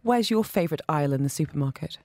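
Upbeat female radio host, enthusiastic chatter, lowish pitch, dry close mic. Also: animated, fast talker, dark tone, no echo. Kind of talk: upbeat radio talk show hosting. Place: radio studio. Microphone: studio microphone.

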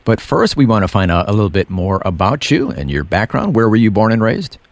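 A man hosting a faith-based interview, calm and affirming, often murmuring agreement as his guest speaks. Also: on the low side, brisk, no echo. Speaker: interview host.

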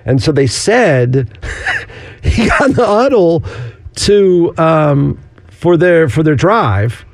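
Gravelly sports radio host telling stories. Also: male voice, fairly high pitch, very animated, slow pace, dry recording. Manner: storytelling, laughs while telling. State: recovering from sickness. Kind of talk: casual sports talk.

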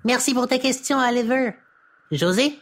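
A woman's voice: fairly high pitch, moderate pace, natural voice. A woman voicing Félix, a curious, cheerful young boy who co-hosts a children's show and asks eager questions. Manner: eager, wide-eyed questioning. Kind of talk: children's TV dialogue.

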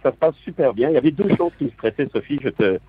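A husky man with a light Quebec French accent, heard through a tinny phone line. He talks as a radio guest, thinking aloud with hesitant restarts. His voice sits at a middle pitch and sounds dry. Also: expressive, fast, no echo. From southern France. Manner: hesitant, reflective, many restarts. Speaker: stage actor, guest. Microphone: telephone.

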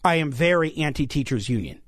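An American man hosting an opinionated radio talk show, speaking emphatically with halting self-corrections into a studio microphone. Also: fairly high pitch, expressive, dry recording. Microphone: close studio radio microphone.

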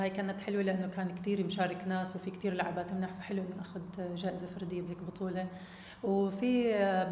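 Young Jordanian-accented woman, interview guest. Very fast, casual, English mixed in. Reverberant room with faint noise. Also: mid-range voice, darkish tone. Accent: Jordanian Arabic. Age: young adult. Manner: mixes English words into Arabic. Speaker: interview guest, basketball player. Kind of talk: casual conversational storytelling.

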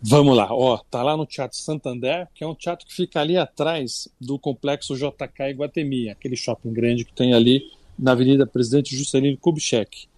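An older man with a Brazilian Portuguese accent talks through a theatre review in a relaxed, chatty way, often restarting his sentences. The studio sound is dry and close, and his voice sits at a middling pitch. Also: brisk, few pauses, no echo. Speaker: culture critic. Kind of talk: radio culture segment chat.

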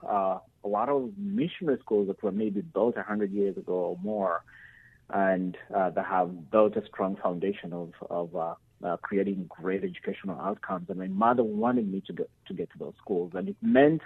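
Man with a gravelly voice on a phone line. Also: medium pitch. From Uganda. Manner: earnest, with many fillers and restarts. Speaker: guest. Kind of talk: casual interview answers.

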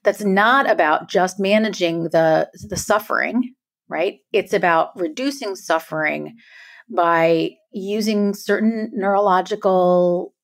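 Low, gravelly-voiced woman in earnest talk. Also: slow pace. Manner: earnest, emphatic, frequent "right?" tags. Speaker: guest author. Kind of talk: reflective podcast conversation.

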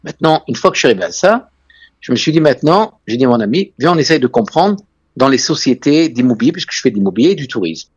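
A man's voice: mid-range voice, animated, fast talker, breathy edge, no echo, muffled recording. A man with a foreign, Israeli accent in French tells travel anecdotes conversationally as an interview guest, emphatically repeating key phrases. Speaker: interview guest, real estate and tourism businessman.

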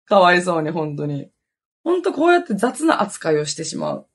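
Woman in her 30s chatting on her podcast, husky voice, pitch jumps all over, loud bits then mumbly asides. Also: moderate pace. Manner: animated, swings from loud exclamations to muttered asides. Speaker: podcast host. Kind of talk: casual storytelling monologue.

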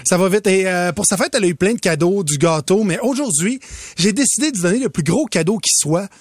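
A man's voice: high-pitched, a little fast, husky, dry recording, clean studio sound. A middle-aged man with a Québécois accent telling a comic story as a radio monologue, acting out the other voices in it. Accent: Québécois French. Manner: lively storyteller, puts on child's voice for quotes.

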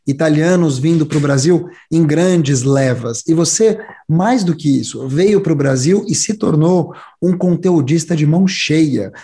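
A man's voice: on the high side, a little slow, few pauses, mellow, slightly rough. A man hosting a podcast, speaking in a polished, upbeat, motivational way. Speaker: podcast host. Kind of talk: podcast intro and interview.

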